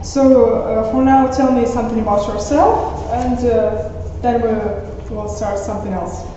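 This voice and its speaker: Slightly high woman interviewing in class. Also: steady tone, unhurried, dark tone, slight background noise. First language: Ukrainian. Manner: hesitant questioning with fillers. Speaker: interviewer in a class role-play. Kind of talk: school role-play interview. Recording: echoey classroom, far mic, dull.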